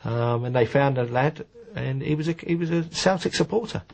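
A man's voice: medium pitch, moderate pace, creaky, darkish tone. A man, a former footballer, recalling events in an interview, hesitant and casual with many fillers. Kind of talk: interview recollection.

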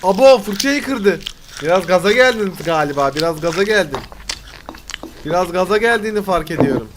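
High-voiced young man mocking videos. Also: background noise. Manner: teasing, mocking, exclaiming. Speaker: reaction video host. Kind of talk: casual commentary on videos.

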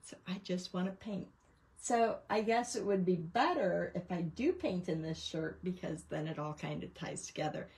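Speaking at a normal speed in a fairly low, slightly mellow voice, a woman chats informally on her craft livestream. She meanders through a show-and-tell of her paintings while seated indoors at a craft table.

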